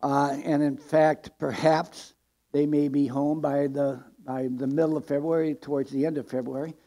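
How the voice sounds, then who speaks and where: An older Midwestern American man gives church announcements as pastor, his voice gravelly and mellow. He speaks haltingly, with many ums and uhs, from a lectern in a sanctuary. His pitch sits a little high for a man. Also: flat delivery. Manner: halting, many filler words.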